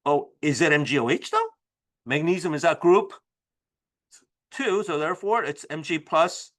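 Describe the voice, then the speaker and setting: A man lecturing a chemistry class, his voice high and sharp-edged. He teaches with animated, exclamatory energy, tossing "right?" at the room after nearly every step. He sounds like a classroom teacher on his feet in front of students. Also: normal speed.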